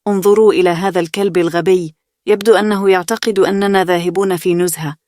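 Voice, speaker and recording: A woman's voice: on the low side, fairly even intonation, quick pace, a little mellow, no room sound, studio quality, close to an everyday voice. A woman reading the part of a mocking older brother, a young man, in a bedtime story. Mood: scornful. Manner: sneering, scornful.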